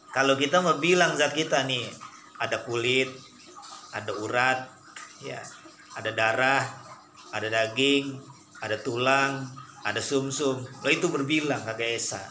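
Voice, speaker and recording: A middle-aged religious teacher speaks in a bright, forward voice. He keeps the lesson casual and folksy, playing both sides of a mock argument with rhetorical questions. A faint hiss runs under the recording. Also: medium pitch, reverberant.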